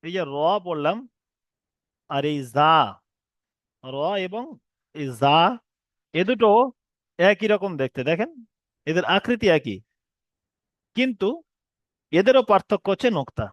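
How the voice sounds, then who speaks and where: A man teaching an online reading class, who explains patiently and drags out each letter name slowly. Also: sits high, expressive, no room sound. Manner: explains patiently, repeats letter names slowly with long drawn sounds. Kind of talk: recorded online class lesson.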